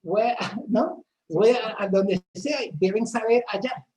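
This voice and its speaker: A woman's voice: medium pitch, slow, mellow, poor audio. A woman from a church ministry, talking earnestly about her faith in a casual chat, often restarting her sentences. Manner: earnest storytelling with frequent restarts.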